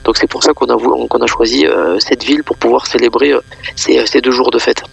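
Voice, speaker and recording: Halting and prone to repeating words mid-phrase, a man talks spontaneously as a festival organiser and radio guest. The voice is gravelly and slightly rough, medium-pitched with fairly even intonation.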